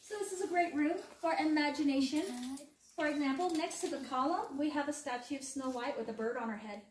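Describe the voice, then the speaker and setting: Speaking fairly quickly in a high-pitched voice, a female tour guide chats playfully with her group inside an echoing underground cave. The recording comes from a visitor's phone held at a distance and has faint noise.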